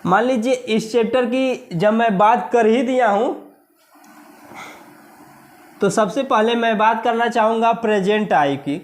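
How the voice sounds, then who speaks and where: A man with an Indian accent teaching a maths lesson for exam preparation, repeating key words slowly and asking the class questions. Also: very high voice. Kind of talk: exam-prep video lesson.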